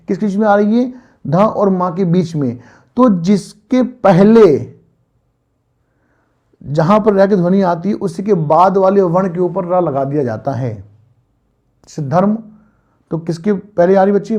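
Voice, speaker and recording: High-voiced man teaching grammar. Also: a little mellow, lo-fi sound. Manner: patient, repetitive quizzing of students. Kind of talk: online Hindi grammar lesson.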